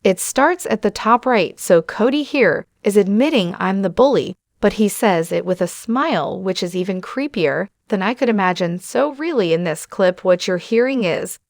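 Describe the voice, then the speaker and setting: A woman's voice: medium pitch, animated, normal speed, few pauses, dry recording, clean studio sound. A woman hosting a channel, giving casual, opinionated commentary straight to her viewers with plenty of fillers. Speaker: channel host.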